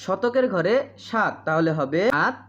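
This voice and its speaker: A woman teaching a primary school math lesson, repeating each question and answer and counting out place values slowly. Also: lowish voice, lively intonation. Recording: dull lo-fi sound.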